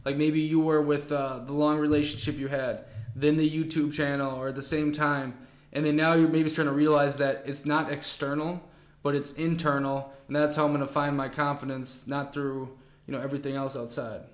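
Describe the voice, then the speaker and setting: A man's voice: a little high, level tone, a little fast. An American man hosting a podcast interview, talking in an easygoing, rambling way with lots of fillers. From United States. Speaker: podcast host. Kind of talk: casual interview chat. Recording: echoey room.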